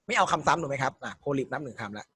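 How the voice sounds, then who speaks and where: A man's voice: mid-range voice, animated, rapid-fire, sharp tone, husky, no echo. Quizzing male tutor on a dry close mic. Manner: explains step by step, quizzing students with questions. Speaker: Thai language tutor. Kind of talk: exam-prep lesson.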